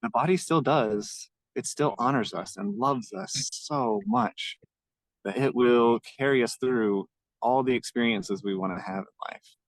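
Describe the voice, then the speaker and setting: A man co-hosting a podcast, reflecting gently and encouragingly in casual conversation. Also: medium pitch, very animated, unhurried, creaky, dry recording, poor audio. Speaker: podcast co-host.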